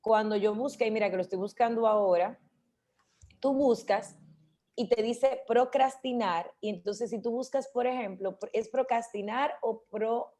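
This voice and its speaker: A woman hosts a casual radio talk. She explains speech habits, often pausing to say difficult words slowly and clearly. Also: on the high side, dark tone. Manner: explanatory, slows down to demonstrate words. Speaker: radio host.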